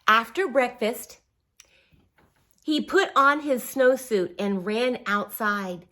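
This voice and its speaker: Reading to little kids from a picture book, a woman speaks slowly in a fairly high voice. She keeps the wording simple and encouraging, stresses words expressively, and slips in asides and questions.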